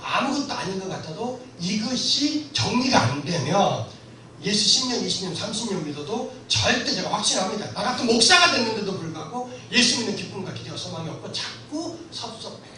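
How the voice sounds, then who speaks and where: Middle-aged pastor guy preaching hard, high bright voice, swings all over, shouts a lot, big echoey church hall heard from far off. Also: sing-song, fairly quick, slight background noise. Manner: impassioned, storytelling, often shouting. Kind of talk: sermon lecture to a congregation.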